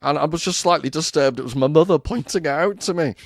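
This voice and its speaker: A man's voice: on the high side, fast, dry recording, clean studio sound. A man co-hosting a podcast, chatting casually in a playful, self-mocking way and laughing often. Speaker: podcast co-host. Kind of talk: casual conversation.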